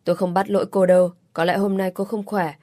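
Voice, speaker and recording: A woman's voice: medium pitch, flat delivery, quick pace, dark tone, no echo, studio quality, natural voice. A woman reading an audiobook story, voicing a considerate young man who speaks patiently and placatingly. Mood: calm.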